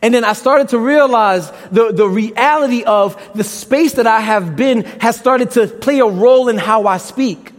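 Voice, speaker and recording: His voice very high, a young Brooklyn-born preacher with a Brooklyn accent delivers a campus sermon at a moderate pace with few pauses. Impassioned rhetorical questions and a touch of casual slang fill it, and the large hall adds long reverb.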